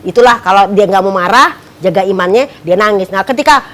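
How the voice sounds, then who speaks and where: A middle-aged woman giving a lively religious talk as a preacher on a television show, acting out the quoted people she talks about. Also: brisk. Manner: animated, acts out quoted wives with high teasing voices. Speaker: ustazah, religious speaker.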